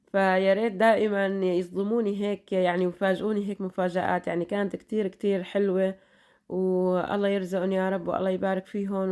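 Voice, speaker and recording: A woman's voice: medium pitch, darkish tone. A middle-aged woman with a Levantine Arabic accent chatting to her followers in a vlog, her voice still tired after an illness, chatty and full of blessings. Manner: chatty, repeats blessings and fillers. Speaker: vlogger. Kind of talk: casual chat to followers.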